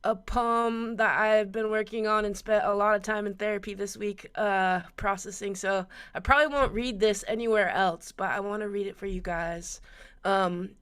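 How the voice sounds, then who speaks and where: A woman with a cold, sounding congested, reading a spoken word poem in a measured, rhythmic delivery at an open mic. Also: mid-range voice, steady tone, fairly bright tone, clean tone.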